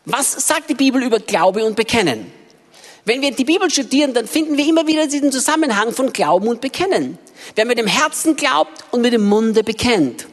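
A woman interpreting a preacher's sermon, her voice pitched a little high and swinging widely as she tells the story with emphatic, expressive delivery. The sound rings with a long hall reverb. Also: a little fast.

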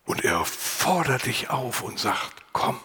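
A pastor preaching a sermon, earnest and lively, sometimes dropping to a whisper and then rising for emphasis, with a voice he himself calls unusual. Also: mid-range voice, a little slow, in a large hall. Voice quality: husky. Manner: earnest, varied, drops to whispers and rises for emphasis. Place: church.

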